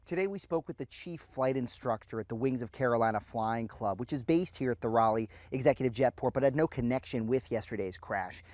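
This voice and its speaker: A man's voice: medium pitch, brisk, few pauses, darkish tone, no echo. A man narrating a scripted television news report as a field reporter.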